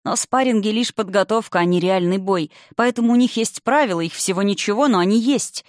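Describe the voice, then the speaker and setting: A man's voice: sits high, brisk, dry recording, studio quality, close to an everyday voice. A reader voicing a young male silver dragon, irritable and gloomy, who talks in a sarcastic, snapping way in an audiobook. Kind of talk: audiobook character reading.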